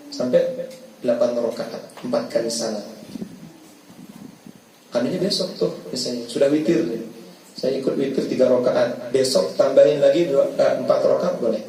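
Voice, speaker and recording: A man delivers a relaxed, conversational sermon in a mosque. His voice is gravelly and mellow, and it echoes through a big hall. It is picked up by a mic some distance away. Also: mid-range voice, a little hiss or hum. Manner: conversational, relaxed preaching with colloquial asides. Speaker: ustadz giving a Ramadan lecture. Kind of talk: casual sermon.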